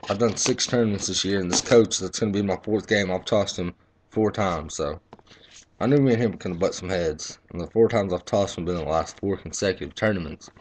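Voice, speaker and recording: Low-voiced profane man telling umpire stories. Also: a little mellow, a little hiss or hum. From Texas. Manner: profane, blunt, boastful storytelling. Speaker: baseball umpire. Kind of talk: casual vlog storytelling.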